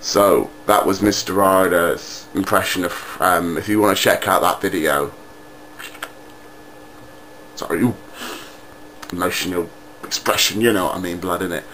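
A man's voice: deep voice, moderate pace, pauses often, fairly bright tone, a little hiss or hum, low-quality recording. A man ranting to camera in a brash, rambling way, full of street slang. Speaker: vlogger. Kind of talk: comic rant to camera.

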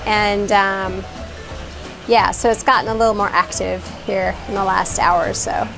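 A woman's voice: medium pitch, fairly even intonation, measured pace, creaky. A woman hosting a sailing vlog, chatting upbeat and casual while out on a catamaran. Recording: with music underneath.

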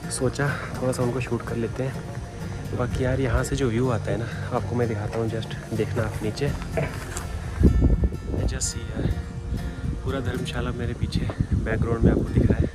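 A man's voice: mid-range voice, flat delivery, normal speed, loud music behind the voice. A man in his twenties talking casually to viewers while filming himself outdoors on a hillside. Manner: chatty, addresses viewers as bhai. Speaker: vlogger. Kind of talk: casual travel vlog. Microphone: phone camera at arm's length.

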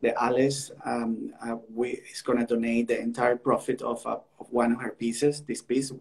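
A man working as an art dealer, speaking English as an in a halting way that repeats words, over a video call. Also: medium pitch, level tone, gravelly, a little mellow. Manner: halting, repeats words, non-native phrasing. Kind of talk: casual conversation on a livestream.

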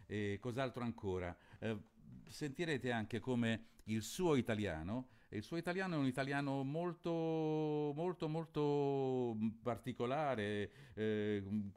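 A man introducing a novel and then reading it aloud, explaining in a halting, thoughtful way with frequent hesitations. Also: mid-range voice, lively intonation, a little mellow, clear, resonant tone. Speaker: literary reader and presenter.

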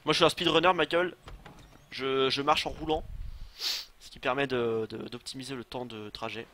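A man's voice: medium pitch, fairly even intonation, normal speed, pushed and bright. A young man casually commenting on his gameplay, joking, swearing and talking to his chat. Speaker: let's play streamer. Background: game music.

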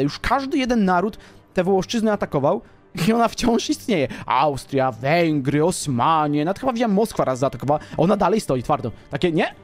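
A man in a relaxed let's-play, swinging his fairly high voice up and down as he brags and jokes with his viewers. Soft music plays underneath. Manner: boastful, playful, talks to the viewers. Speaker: gaming commentator. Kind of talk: casual let's-play commentary.

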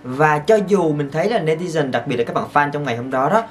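Excitable man. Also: fairly high pitch, quick pace. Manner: excitable, exclamatory, gushing. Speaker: vlogger. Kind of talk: casual storytelling to viewers.

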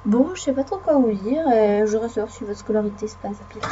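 A woman with a hoarse voice from a cold, sniffling while chatting and rambling through casual gameplay commentary, talking to the game and her viewers. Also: on the high side, fairly quick, dark tone, muffled recording, slight background noise. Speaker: let's play gamer.

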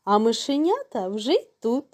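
A woman narrating a fairy tale for children in a slow, sing-song storytelling manner. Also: fairly high pitch, very animated, darkish tone.

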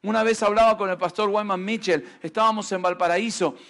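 High-voiced preacher. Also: male voice, a little fast. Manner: animated, peppers speech with rhetorical questions and jokes. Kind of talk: sermon.

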